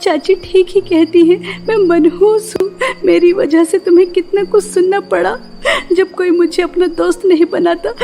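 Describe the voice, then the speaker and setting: A woman voicing a sad, gentle young woman in an animated story, talking tearfully about being unloved. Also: very high voice, creaky, heavily acted. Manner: tearful, self-pitying.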